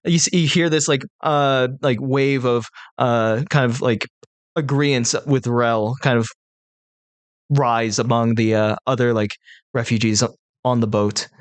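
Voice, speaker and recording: A man improvising narration as a tabletop game master, haltingly searching for words. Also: mid-range voice, fairly even intonation, no room sound.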